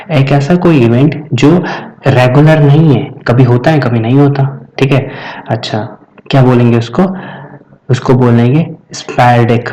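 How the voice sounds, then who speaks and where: A man's voice: mid-range voice, mellow, low-quality recording. A man teaching vocabulary, explaining patiently and repeating each answer for his students. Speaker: English teacher. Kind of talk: vocabulary lesson.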